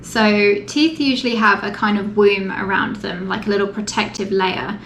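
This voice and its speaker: A woman's voice: mid-range voice, fairly even intonation, normal speed, fairly bright tone. A woman talking informally and matter-of-factly, explaining things step by step in a casual vlog. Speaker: vlogger. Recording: echoey room with faint background noise.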